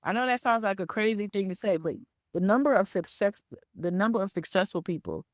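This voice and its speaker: A woman with a mid-range voice hosts a solo business podcast as a business coach, speaking animatedly and a little fast. She hammers home her points, repeating key ideas and checking in with "right?" and "okay?". The recording is clean studio sound with no room echo.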